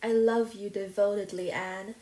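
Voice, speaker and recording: A woman's voice: medium pitch, steady tone, measured pace, dark tone, lightly acted. A woman voicing a sad but practical young girl who talks in a plain, mournful way. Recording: roomy echo.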